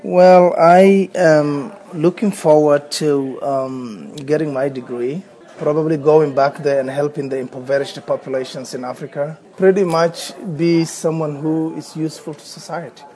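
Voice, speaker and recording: Speaking a little slowly in a warm, fairly high voice with fairly even intonation, this man from Somalia, in his thirties, reads a short text aloud for an accent archive. He then talks freely in his Somali accent, hesitating and repeating words often.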